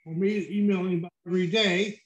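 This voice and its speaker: A man speaking in halting, broken phrases at a committee meeting over a video call, his voice cutting in and out as the connection drops. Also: sits high, fairly even intonation. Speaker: committee member. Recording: echoey room, dropping call audio.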